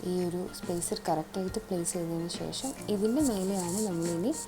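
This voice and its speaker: Clearly audible background music accompanies this product installation tutorial, where a Malayali-accented woman works through the setup step by step. She talks conversationally at a moderate pace, her voice on the low side, and slips English terms into her explanation.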